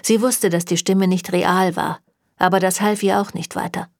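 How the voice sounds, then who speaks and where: Low-voiced woman narrating an audiobook. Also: fairly even intonation, normal speed, creaky, no room sound, studio quality. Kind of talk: scripted narration.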